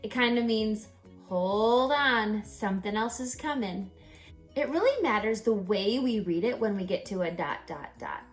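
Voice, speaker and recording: A woman with a medium-pitched, animated voice reads a picture book to children as a teacher might, deliberately and instructively. Faint music sits behind her dramatic pauses and questions for the listeners.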